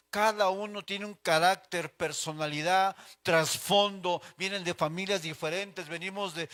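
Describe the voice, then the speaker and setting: A man's voice: high-pitched, sharp tone. A middle-aged man with a Mexican accent teaching an informal church Bible class, chatty and anecdotal, addressing listeners as brothers.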